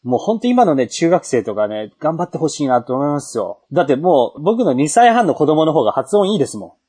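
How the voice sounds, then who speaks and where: A man in his thirties talks fast and encouragingly, often breaking into a laugh. His voice has a husky edge. This is casual talk-show chat. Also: on the high side, big pitch swings, warm tone. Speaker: podcast co-host.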